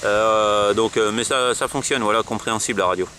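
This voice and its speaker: Heavy background noise surrounds a French man at an outdoor roadside as he presents his radio gear. He speaks with a French accent in a fairly low, steady voice, fairly quickly, chatting casually yet hesitantly and repeating himself often.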